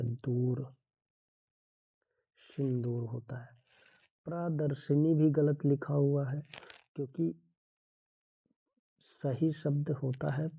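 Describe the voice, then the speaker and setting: Slow gravelly man teaching grammar. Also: mid-range voice, dark tone. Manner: slow, explanatory, walking through answers one by one. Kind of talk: exam-prep Hindi grammar lesson.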